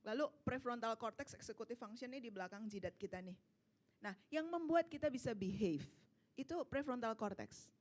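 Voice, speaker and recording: A woman's voice: on the high side, expressive, brisk. A woman speaking at a parenting seminar, answering parents' questions in an emphatic, conversational way. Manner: warm, emphatic, rhetorical questions. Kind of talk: casual seminar talk, mixing Indonesian and English.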